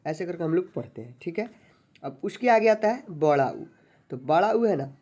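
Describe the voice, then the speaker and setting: Online lesson teacher, patient, repetitive, slow drawn-out syllables, middle pitch, often checks understanding. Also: expressive, warm tone. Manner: sounds out syllables slowly and drawn out; addresses viewers as friends. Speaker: Hindi teacher.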